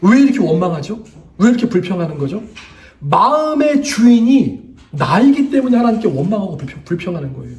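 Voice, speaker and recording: A male pastor delivers a sermon in a high, lively voice that climbs and falls widely. He presses his points with rhetorical questions and repetition. The sound was picked up from a distance from the mic. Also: fairly quick. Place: church.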